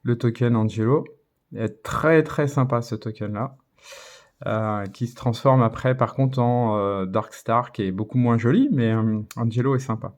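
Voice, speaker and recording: A man of middling pitch chats casually as he opens card packs on camera. He hesitates a lot, fills the gaps with filler sounds and restarts his sentences. He slows right down to read out the card names one by one. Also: darkish tone. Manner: reads out foreign card names slowly. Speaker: card-opening video host. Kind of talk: casual commentary while opening packs.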